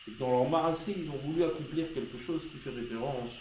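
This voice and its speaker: A man's voice: mid-range voice, brisk, echoey room, a little hiss or hum, low-quality recording. A man teaching a Torah class to students, asking rhetorical questions and pressing his points hard. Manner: rhetorical questions, grows loud and emphatic.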